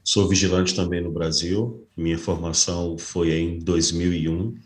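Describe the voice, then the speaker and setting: A man's voice: low-pitched, flat delivery, measured pace, reverberant. A man, a security guard telling his story earnestly as a guest in an interview. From Brazil. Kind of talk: casual interview.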